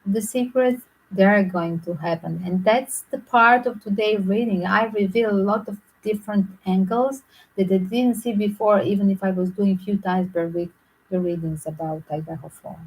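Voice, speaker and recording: Husky-voiced woman rambling to viewers. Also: mid-range voice, fairly even intonation, moderate pace, darkish tone, low-quality recording. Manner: rambling, frequent "like" fillers. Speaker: tarot reader. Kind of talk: casual speculative monologue to viewers.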